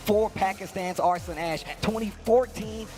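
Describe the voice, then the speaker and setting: A man's voice: sits high, moderate pace, a little mellow. A man commentating on a fighting game tournament with casual, slangy analysis of the play. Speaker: esports commentator. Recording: music playing behind the voice.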